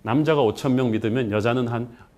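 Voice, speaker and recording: A man preaching a sermon as a pastor. He mixes English phrases into his talk, and his voice climbs and gets louder at the high points. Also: fairly quick.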